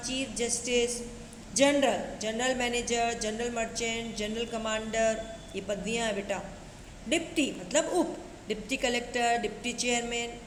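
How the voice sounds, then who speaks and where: A woman teaching a grammar lesson, going through examples one at a time and calling her students "beta". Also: a little high. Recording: echoey room with long reverb, faint noise.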